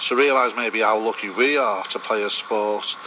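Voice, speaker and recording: A man's voice: on the low side, normal speed, pushed and bright, slight background noise, poor audio. A man talking casually as an interview guest. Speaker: interview guest, cricket club member.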